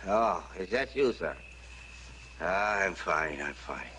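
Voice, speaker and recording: An actor playing a tough Irish cavalry sergeant in a 1950s western film, with a gruff Irish accent. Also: male voice, low voice, big pitch swings, fast, fairly bright tone, slight background noise. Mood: dazed.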